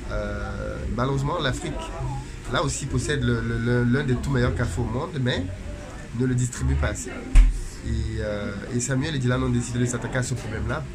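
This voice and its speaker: A man's voice: mid-range voice, brisk, crowd noise. A man hosting an interview, speaking earnestly with many hesitations. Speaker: interviewer and channel host. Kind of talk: opinionated introduction then interview. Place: café in Paris. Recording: loud music underneath.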